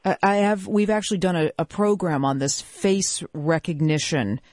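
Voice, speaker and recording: A man's voice: high voice, moderate pace, a little mellow, dry recording. A man hosting a live public radio interview, asking probing questions in a conversational way with some restarts.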